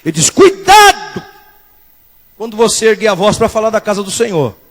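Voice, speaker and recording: A male pastor from São Paulo preaching a sermon in church, with loud rising bursts and quieter asides. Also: sits high, fast. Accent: Brazilian Portuguese, São Paulo.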